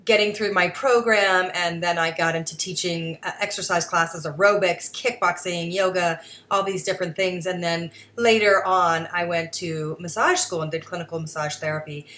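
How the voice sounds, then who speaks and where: A woman's voice: lowish voice, fairly even intonation, moderate pace, a bit bright, a little hiss or hum. A woman hosting her own podcast segment, talking earnestly in a rambling, casual way with many fillers and restarts. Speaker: podcast host. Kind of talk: casual solo commentary.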